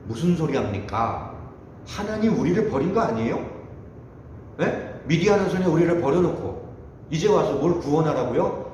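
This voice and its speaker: Picture a timid, grumbling ancient man who whines and protests that he cannot do what is asked, as a preacher puts him on. His voice is pitched high and jumps around with lots of movement. It rings out in an echoey hall. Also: animated, moderate pace, darkish tone, a little hiss or hum, natural voice. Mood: resentful. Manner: whining, protesting. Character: fearful, complaining ancient Israelite man.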